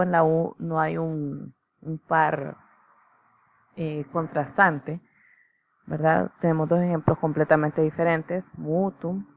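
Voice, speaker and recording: A woman teacher, explaining slides in a measured lecture, checking in with her students as she goes. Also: sits low, creaky, dull audio.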